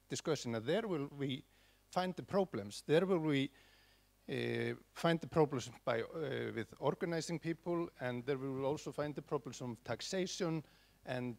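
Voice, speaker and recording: A conference audience member makes a spontaneous comment from the floor in a gravelly, medium-pitched voice. He is halting, with many restarts and fillers.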